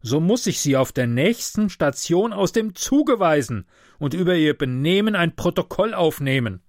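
A man voicing a timid but officious middle-aged male train conductor who speaks stiffly and gives way quickly. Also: fairly high pitch, very animated, dry recording, studio quality, pitched above the performer's own voice, exaggerated voice. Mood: threatening.

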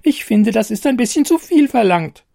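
A man voicing a tiny, impatient, snippy female fairy with a squeaky voice in a storybook reading. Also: expressive, normal speed, vocal fry, mellow, exaggerated voice.

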